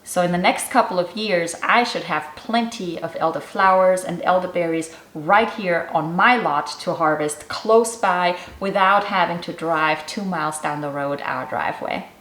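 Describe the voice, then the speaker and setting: A woman's voice: fairly low pitch, normal speed, few pauses, a bit bright, reverberant, low-quality recording. A middle-aged woman from Germany hosting a cooking channel, explaining a recipe step by step in a casual, chatty way. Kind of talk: casual how-to vlog narration.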